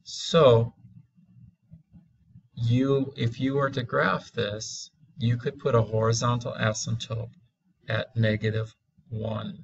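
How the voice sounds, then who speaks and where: A man teaching a math lesson, walking through graphs slowly and deliberately, stretching key words for emphasis. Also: medium pitch, level tone, creaky, breathy edge, muffled recording.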